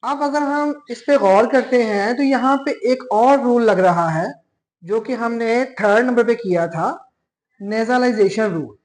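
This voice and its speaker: A language teacher with a Pakistani accent gives a classroom lesson, speaking slowly and deliberately and spelling out syllables one at a time. His voice is very high-pitched, and the recording is rough.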